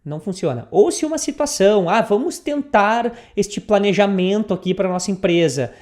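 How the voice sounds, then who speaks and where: A woman with a Brazilian accent teaching a beginner English lesson, drilling example phrases slowly and checking in with the learner often. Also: medium pitch, lively intonation, darkish tone. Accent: Brazilian Portuguese.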